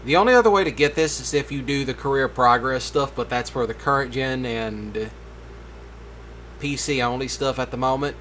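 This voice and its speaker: A man's voice: medium pitch, moderate pace, a bit bright, a little hiss or hum. A tired man rambling through a laid-back voice-over for his gaming video late at night, with yawns between thoughts. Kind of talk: casual voice-over commentary.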